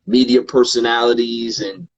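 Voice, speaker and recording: A man guesting on a podcast, telling stories in a relaxed, casual way and acting out what others said. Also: medium pitch, moderate pace, lo-fi sound. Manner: relaxed, quotes others in animated asides, frequent fillers. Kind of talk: casual storytelling in conversation.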